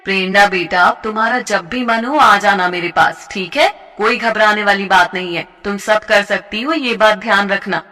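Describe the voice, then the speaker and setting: A woman's voice: medium pitch, normal speed, hardly any pauses, bright, forceful tone, close to an everyday voice. A woman voicing a kind female schoolteacher who speaks in a soothing, encouraging way in a cartoon story.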